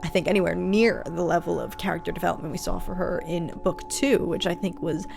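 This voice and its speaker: A woman's voice: fairly low pitch, steady tone, fairly quick, creaky, a little mellow, soft background music. A woman host giving casual, earnest, rambling commentary on a show in a reflective way. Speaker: reaction video host.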